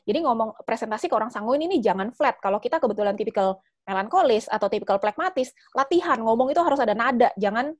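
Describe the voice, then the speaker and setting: A woman giving a casual, animated talk on personality types, with frequent fillers. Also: fairly high pitch, fast, no room sound, clean studio sound. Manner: lively, animated, chatty with fillers.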